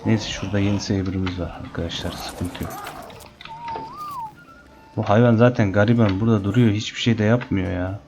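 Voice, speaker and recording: A man's voice: lowish voice, fairly even intonation, moderate pace, long pauses, over music. A man commenting on his gameplay and playfully taunting the animals in the game. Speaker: gaming channel host. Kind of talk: Let's Play commentary.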